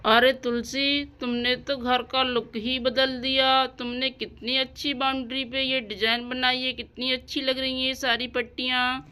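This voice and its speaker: A woman's voice: high voice, flat delivery, a little slow, few pauses, sharp tone, smooth. A woman voicing a strict mother in a doll-house cartoon story, nagging and scolding her daughter.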